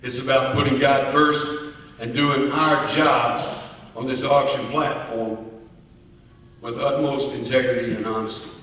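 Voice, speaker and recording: A man gives formal contest answers in a courteous, earnest, deliberate way, like an orator. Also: mid-range voice, fairly even intonation, fairly bright tone, slight background noise. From Oklahoma, US. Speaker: auctioneer, contest finalist. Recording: echoey hall, heard from far off.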